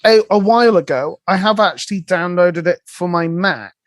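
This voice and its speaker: A man's voice: sits high, moderate pace, no room sound, studio quality. A man with an English West Country accent, chatting casually as a podcast co-host.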